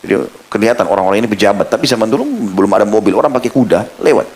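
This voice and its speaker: A male preacher giving a sermon, telling a story lively and acting out the quotes. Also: fairly low pitch, rapid-fire.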